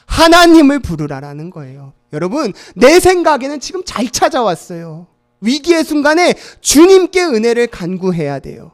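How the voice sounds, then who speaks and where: A male pastor preaching a sermon, acting out quoted voices and swinging from hushed tones to loud cries. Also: high-pitched. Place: church sanctuary.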